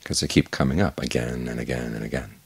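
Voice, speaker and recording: An older man, a Buddhist monk, giving a calm, measured evening Dhamma talk with unhurried pauses and a husky voice. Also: a bass voice, no room sound.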